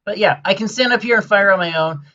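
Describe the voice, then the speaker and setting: A man giving casual gameplay commentary, rambling and excitable as he explains his build, with many filler sounds. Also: sits high, fast, muffled recording.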